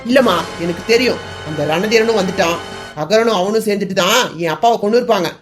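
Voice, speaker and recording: A woman's voice: mid-range voice, fast, over music, lightly acted. A woman voicing a hot-tempered young man in a cartoon serial, who speaks in a bitter, accusing way while grieving his father.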